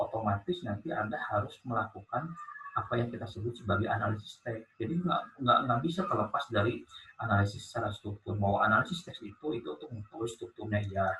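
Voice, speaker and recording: A man's voice: on the low side, fairly bright tone, slight background noise, low-quality recording. A man lecturing to university students, explaining patiently with many fillers and tag questions. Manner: hesitant, many fillers and "gitu kan ya" tags.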